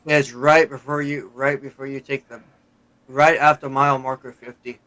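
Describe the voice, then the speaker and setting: A man on voice chat during a game, loud and joking, laughing easily. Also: mid-range voice, little pitch movement, normal speed. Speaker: fellow player on voice chat. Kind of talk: casual voice chat while playing.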